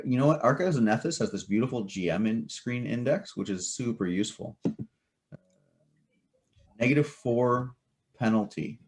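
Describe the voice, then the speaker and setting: Man as game master, lowish voice, very lively pitch, lots of ums and laughs. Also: gravelly. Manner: animated, laughs often, many fillers. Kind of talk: narrating a tabletop game.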